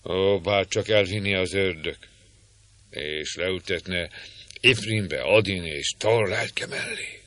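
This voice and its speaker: A man doing a gruff, impatient disguised monk. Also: low-pitched, pushed and bright, dry recording. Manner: slow, blustering and gruff.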